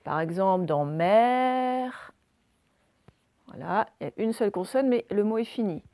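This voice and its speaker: A woman schoolteacher talks young children through a reading and handwriting lesson, spelling out letters and guiding them patiently step by step with many small hesitations. Her voice has a gravelly, slightly creaky edge. The sound is dry and close, with no room echo. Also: medium pitch, animated, fast, dark tone. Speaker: primary school teacher.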